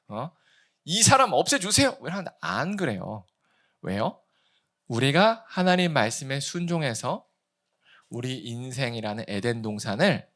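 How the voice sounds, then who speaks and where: A man preaching a sermon as pastor, in a conversational way, asking the congregation questions and acting out the complaints he quotes. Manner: lively, acts out quoted complaints with big swings in pitch and volume.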